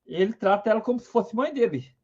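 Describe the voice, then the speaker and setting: Guy hosting a live stream, very high voice, dull lo-fi sound, eager and chatty. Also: animated, a little fast, a little mellow, husky. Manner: enthusiastic, greets viewers by name. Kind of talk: casual live science talk.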